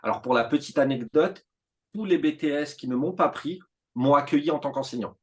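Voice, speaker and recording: A man's voice: a little high, fairly quick. Chatty man telling his story. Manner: animated storytelling with many fillers and restarts. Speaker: interview guest, teacher. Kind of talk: casual conversational interview.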